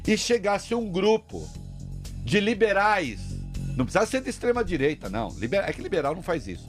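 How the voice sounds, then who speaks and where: Male talk radio host from Brazil, sarcastic and combative, animated delivery, faint music underneath. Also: sits high, fairly quick. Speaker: radio commentator. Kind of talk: opinionated talk radio commentary.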